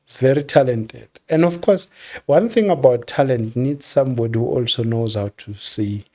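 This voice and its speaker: An older South African man, a music executive, tells stories during a relaxed interview. He speaks in a medium pitch, measured and unhurried, repeating words while he gathers his thoughts.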